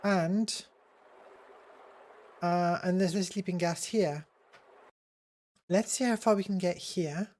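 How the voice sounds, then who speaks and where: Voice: medium pitch, slow pace, long pauses, a little mellow. A game streamer giving casual live commentary, thinking aloud while playing.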